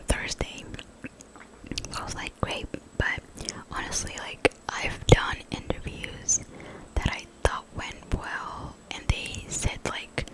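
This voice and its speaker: A young woman speaks in a hushed, breathy whisper at a very unhurried pace. She rambles casually in an ASMR style, halting and conversational as she goes. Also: low-quality recording. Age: young adult. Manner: hushed voice, pure unvoiced whisper. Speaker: ASMR content creator.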